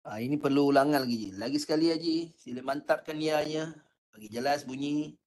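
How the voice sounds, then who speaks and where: A man with a Malaysian Malay accent teaching Quran recitation in an online class, patient and coaching, demonstrating sounds slowly. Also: fairly high pitch, darkish tone, slight background noise.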